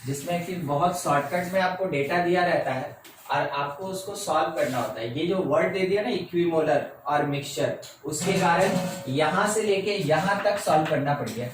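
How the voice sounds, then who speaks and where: A man teaching a chemistry lesson in Hindi, slowly dictating definitions with English terms and repeating each phrase, often checking in with his students. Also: on the high side. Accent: Indian English words in Hindi speech. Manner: frequent check-ins to students. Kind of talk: online class lecture. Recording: very echoey, distant mic, faint noise.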